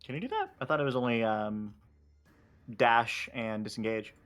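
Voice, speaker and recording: An easygoing man at a middle pitch runs a tabletop game as its game master. He calls out dice rolls and rulings in a steady way, often stopping on an um or uh. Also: normal speed, clean tone, soft background music. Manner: steady rules talk with frequent fillers.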